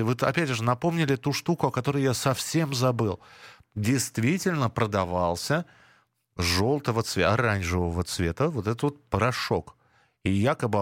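A man hosting a radio phone-in, talking in a relaxed, reminiscing way and often restarting his sentences. His voice sits in an ordinary middle pitch. He sounds dry and close on a studio microphone. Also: dry recording. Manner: chatty, reminiscing, frequent restarts. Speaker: radio call-in host. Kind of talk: casual nostalgic phone-in chat.

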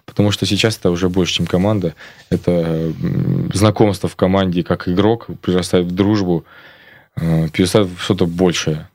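A man's voice: deep voice, fairly even intonation, a little fast, creaky, darkish tone, dry recording, clean studio sound. A man speaking as a sports coach in a casual radio interview, blunt and informal. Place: radio studio.

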